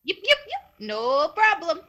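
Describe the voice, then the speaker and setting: A woman's voice: very high voice, slow, muffled recording, voice pushed up, full character voice. A woman doing a yipping, hungry cartoonish coyote. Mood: eager. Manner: yips excitedly between words. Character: hungry wily male coyote, easily confused.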